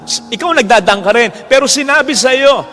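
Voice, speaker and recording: A man, a priest preaching a sermon in an animated way, often jumping into quoted voices and mixing in English. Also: very high-pitched, normal speed, long reverb tail.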